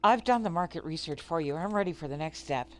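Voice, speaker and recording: A woman's voice: low-pitched, expressive, fast talker. A woman playing a video game, answering in a playful, goofy way. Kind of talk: casual gameplay commentary.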